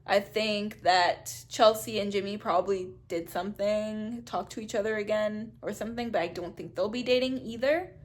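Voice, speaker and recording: A young woman talking casually for her video review, animated and blunt, swearing freely as she gossips. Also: mid-range voice, normal speed, few pauses. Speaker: YouTuber reviewing a reality show. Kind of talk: casual chat.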